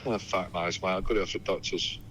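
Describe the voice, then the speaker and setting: Gruff deep man on a loudspeaker phone. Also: steady tone, a little fast, slight background noise, poor audio. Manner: blunt, heavy swearing. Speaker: caller. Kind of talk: casual phone chat.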